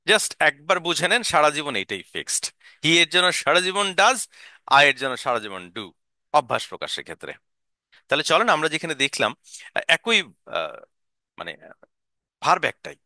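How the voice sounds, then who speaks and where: A man teaching an English lesson, drilling short sentences and asking learners to repeat after him. His pitch swings widely as he talks, and the tone is very bright. The sound is dry, close to the mic. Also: big pitch swings, normal speed, long pauses, no echo.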